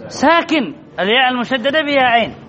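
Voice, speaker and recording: A man's voice: very high voice, expressive, quick pace, pushed and bright. A man teaching a grammar class, asking his students questions and answering them himself, often repeating key words. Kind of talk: classroom lesson on Arabic grammar. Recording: dull lo-fi recording with faint noise.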